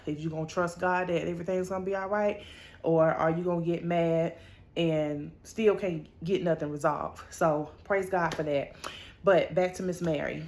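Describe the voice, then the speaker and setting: Thirties woman, motivational vlogger, easygoing storytelling, lowish pitch, filler-heavy. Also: darkish tone. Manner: chatty, many fillers, praises God. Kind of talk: casual personal story to camera.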